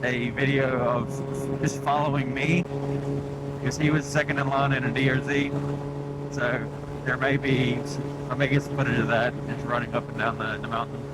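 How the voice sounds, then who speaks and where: A man vlogging from a moving motorcycle on a helmet mic, talking in a loose, halting, think-aloud way with wind on the mic. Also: medium pitch, little pitch movement. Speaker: motovlogger narrating a ride. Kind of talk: casual rambling vlog chat. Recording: loud engine and wind noise on mic.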